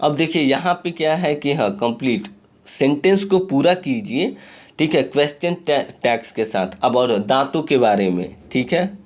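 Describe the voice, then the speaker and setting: A man teaching an English grammar lesson in a recorded online class, reading examples slowly and acting out rising and falling tones. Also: mid-range voice, lively intonation. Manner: reads English examples slowly and demonstrates question-tag intonation; encouraging, repeats "ठीक है" often. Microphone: phone screen recording.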